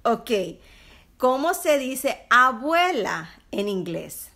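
A woman's voice: sits high, very animated, extremely slow, sharp tone. A woman coaching someone in English during a casual chat, patient, correcting and laughing often. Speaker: English tutor and co-host.

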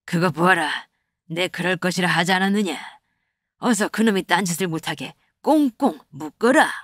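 Woman doing a lower, bossy bandit chief. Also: lively intonation, normal speed, dry recording, studio quality. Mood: commanding. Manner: commanding, archaic speech. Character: boastful male bandit chief.

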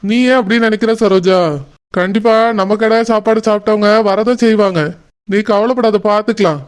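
A man's voice: sits high, brisk, clean tone, lightly acted. A man with a Tirunelveli Tamil accent voicing a patient, reassuring village husband in a cartoon. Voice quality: calming, patient. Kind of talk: cartoon voice acting.

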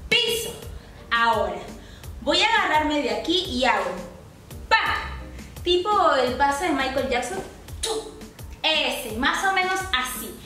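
A woman's voice: high voice, big pitch swings, slow, pauses often, pushed and bright, soft background music. A young woman teaching a dance tutorial, upbeat and encouraging, counting the beats aloud and making sound effects for the steps. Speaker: dance instructor. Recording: very echoey room, mic far off.

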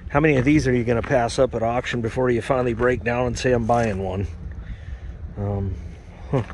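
A man of medium pitch talks fairly quickly as he walks around a snowy equipment auction lot outside, narrating into a handheld camera. The farm equipment vlogger is relaxed and rambling with lots of fillers, and there's a little hiss or hum on the audio.

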